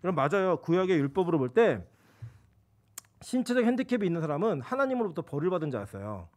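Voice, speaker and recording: A male pastor delivering a sermon in a church in an easy, talking-to-friends way. His voice sits high for a man and moves through a wide, lively range. He often drops into acted-out voices for the characters in his examples. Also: fast. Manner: conversational preaching, acts out quoted voices. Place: church sanctuary.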